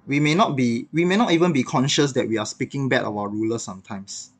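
A man's voice: medium pitch, fast talker. Male devotional speaker, mid-range voice, reflective teaching tone, casual with light fillers. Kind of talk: scripted devotional talk.

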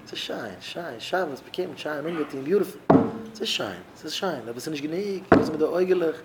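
Emphatic rabbi preaching over background noise. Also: male voice, on the high side, expressive, fast. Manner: emphatic, voice swelling loud on key words. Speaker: rabbi giving a talk to young married men.

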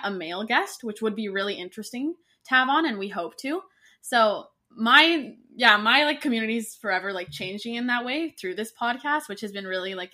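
A woman born in Canada co-hosting a podcast, talking with enthusiasm and a lot of "like". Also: a little high. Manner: warmly enthusiastic, lots of "like". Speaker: podcast co-host. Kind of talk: casual podcast chat.

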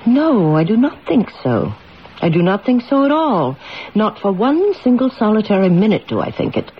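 Theatrical fortune-teller woman, lively intonation. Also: mid-range voice, normal speed, breathy edge. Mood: reassuring. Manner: dramatic fortune-teller delivery, commanding. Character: theatrical woman therapist and former fortune teller, assured, coaxing. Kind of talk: radio drama acting. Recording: dull, hissy radio recording.

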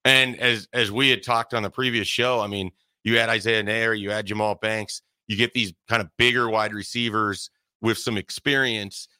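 A man talking as a guest reporter on a sports radio show, breaking down football news in fast, detailed, casual talk from the studio. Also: lowish voice, steady tone, sharp tone, no room sound.

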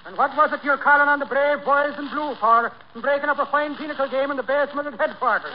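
An actor playing a blustering, pompous police officer with an Irish accent and a dopey bellow, in old-time radio comedy style. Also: male voice, extremely high pitch, fast talker. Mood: scornful bluster. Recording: dull, noisy old radio recording.

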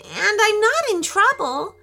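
A woman voicing a small, upset girl who sniffles and talks in a high, wavering voice in a children's story. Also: sing-song, unhurried, gravelly, sharp tone, soft background music, full character voice. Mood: tearful. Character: upset, tearful little girl.

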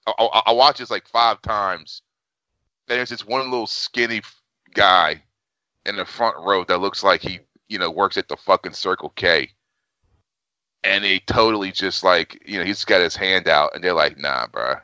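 A man chatting casually as a podcast panelist, halting and slangy with plenty of swearing. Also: deep voice, fairly even intonation, sharp tone, no room sound, lo-fi sound. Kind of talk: casual chat.

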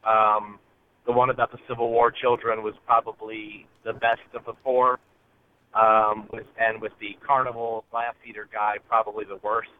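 A man's voice: lowish voice, little pitch movement, slight background noise. Man calling in over a car speakerphone. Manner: hesitant, many filler pauses. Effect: car speakerphone call over Bluetooth. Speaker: caller. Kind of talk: casual call-in message. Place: inside a car. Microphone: Bluetooth car speakerphone. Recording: tinny phone line from a car.

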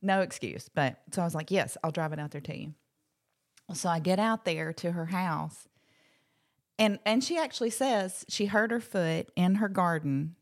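Lively woman telling a story. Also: fairly low pitch, normal speed. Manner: animated storyteller, acts out quotes, laughs often. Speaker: podcast co-host. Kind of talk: casual chat, storytelling.

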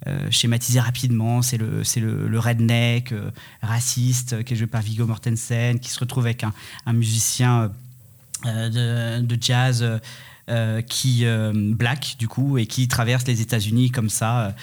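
A man co-hosting a film podcast in a mid-range voice. He is soft-spoken and halting and often trails off into fillers. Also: mid-range voice, little pitch movement. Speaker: podcast co-host. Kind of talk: casual chat.

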